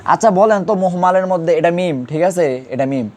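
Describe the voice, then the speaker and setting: A man's voice: high voice, normal speed, a little mellow. Man quizzing a class on grammar. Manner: quizzing students with repeated questions. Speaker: Urdu grammar teacher. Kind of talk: classroom lesson.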